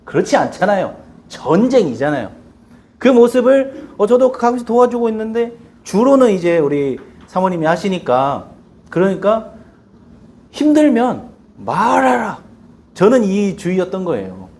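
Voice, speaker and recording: A man's voice: high-pitched, moderate pace. A male pastor preaching a sermon in a church, telling stories animatedly and acting out quotes. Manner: animated storytelling with acted quotes.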